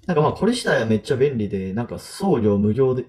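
A man's voice: medium pitch, very animated, quick pace, a little mellow. A man hosting a podcast in a casual, chatty way, thinking aloud with fillers. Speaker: podcast host.

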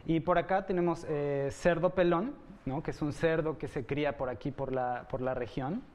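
Chef with a fairly high voice. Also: male voice, fairly even intonation, normal speed, a little mellow. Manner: friendly, explanatory, ends phrases with tag questions. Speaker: head chef. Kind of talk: explaining dishes on camera.

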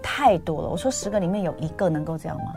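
A woman's voice: fairly low pitch, expressive, fast talker, vocal fry, over music. A woman hosting a talk show, chatting with a guest and answering sympathetically. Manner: soft backchannels, sympathetic. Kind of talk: casual radio chat.

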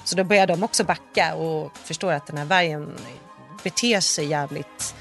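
A woman's voice: low-pitched, faint music behind. A woman in casual chat with a friend, telling a story vividly and acting out what people said. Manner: animated storyteller who acts out quoted speech. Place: abroad in a city with coyotes.

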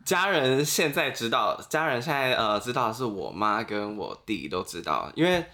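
A man's voice: medium pitch, moderate pace. A young man with a Taiwanese Mandarin accent, a podcast guest telling a personal story with frequent laughs. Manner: animated storyteller, laughs often. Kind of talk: casual chat, storytelling.

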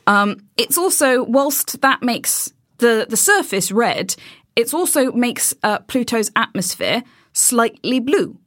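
A woman's voice: a little high, animated, slow, no room sound, studio quality. A woman explaining space science in casual chat, with many ums and restarts.

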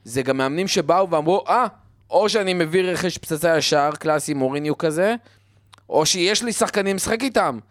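Man explaining football calmly. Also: a little high, no echo, clean studio sound. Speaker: podcast co-host. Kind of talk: casual football chat.

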